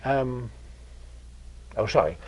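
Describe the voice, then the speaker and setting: Male professor, informal lecture, lively rising-and-falling voice, halting delivery with ums, dry humor. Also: mid-range voice, husky, highs cut off. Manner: hesitant, frequent ums and uhs, dry humor. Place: lecture room with audience.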